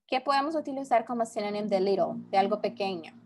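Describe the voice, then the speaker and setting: A woman's voice: mid-range voice, animated, fast. A woman teaching a recorded English vocabulary lesson, explaining each word patiently and repeating it.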